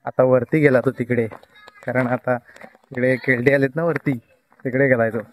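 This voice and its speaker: A man's voice: mid-range voice, fairly even intonation, normal speed, slight background noise. A young man from the coast, chatting casually to viewers as he films from a village hilltop at evening on his phone. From Konkan, India. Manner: chatty, explains the view, calls out to animals and kids. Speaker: village vlogger. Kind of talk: casual vlog talk to viewers. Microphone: phone camera held while filming.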